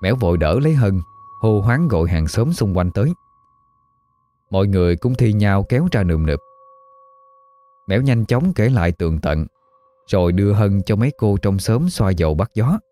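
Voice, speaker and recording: A man's voice: on the low side, animated, moderate pace, long pauses, mellow. A man narrating a ghost story in a dramatic, suspenseful way.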